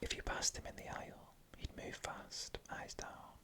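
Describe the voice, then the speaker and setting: A person whispering scary first-person stories in a hushed, unvoiced ASMR narration from start to finish. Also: normal speed. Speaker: storyteller.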